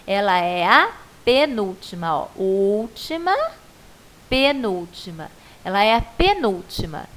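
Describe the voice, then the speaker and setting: A woman's voice: medium pitch, big pitch swings, slow pace, a bit bright, rough recording. A Brazilian woman primary school teacher giving a patient, coaxing video lesson to a child, stretching out syllables to show stress.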